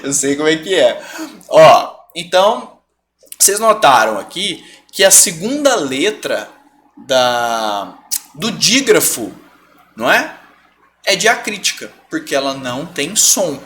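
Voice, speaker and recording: A man's voice: fairly high pitch, sing-song, takes it slowly, a bit bright. A man teaching a live online lesson, patiently stretching out example sounds and often checking that students follow.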